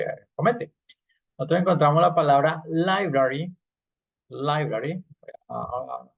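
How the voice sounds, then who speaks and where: Man teaching, gravelly voice. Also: a little high. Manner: explanatory, checks in with tag questions. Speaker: English teacher. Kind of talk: online class lecture.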